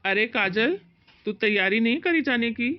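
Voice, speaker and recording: A woman's voice: fairly high pitch, expressive, moderate pace, voice pushed down, lightly acted. A woman voicing a stubborn young husband who speaks curtly and scolds his wife, in an amateur family skit. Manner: curt and scolding. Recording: dull, muffled lo-fi recording.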